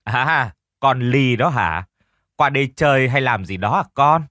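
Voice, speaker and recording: A man's voice: lowish voice, sing-song, fairly quick, fairly bright tone, no room sound, clean studio sound. A man voicing a harsh, bossy older aunt who scolds and mocks her niece in a told story. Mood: cold.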